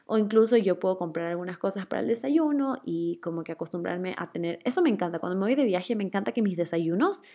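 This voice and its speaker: Speaking fast with hardly any pauses, this young Ecuadorian woman from Guayaquil has a mellow, low-leaning, expressive voice. As host, she chats casually and answers listeners' questions, laughing and using fillers often.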